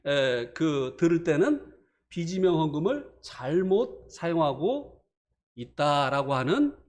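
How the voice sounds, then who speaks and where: A male pastor preaching a sermon in a church, telling a personal story with animated swings between heated and subdued. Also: high-pitched.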